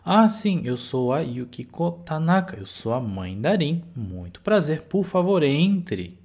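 A man's voice: a little high, very animated, a little slow, a little mellow, exaggerated voice. A man voicing a courteous middle-aged Japanese mother who welcomes her daughter's friend in a lesson dialogue. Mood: welcoming.

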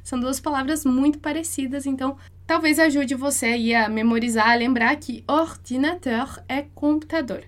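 A Brazilian woman teaching French grammar in Portuguese, explaining patiently and repeating each French example slowly. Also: high-pitched. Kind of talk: online language lesson.

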